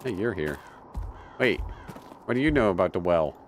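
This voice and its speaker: A man's voice: low-pitched, lively intonation, normal speed, slight background noise. A man commenting on a mystery game playthrough in a sarcastic, joking way. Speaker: gamer.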